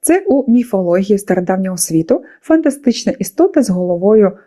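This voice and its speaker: A woman's voice: mid-range voice, big pitch swings, fairly quick, mellow. A woman teacher narrating a scripted lesson for schoolchildren, explaining patiently and putting questions to her pupils.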